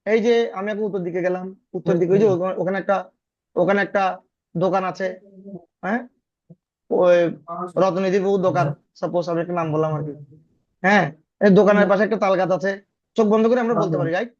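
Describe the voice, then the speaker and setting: A man teaching a scripture class over a video call, explaining step by step with frequent check-in questions and chanting verses slowly in a singsong tone. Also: sits high, fairly even intonation, no echo, dull audio. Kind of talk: online scripture lesson.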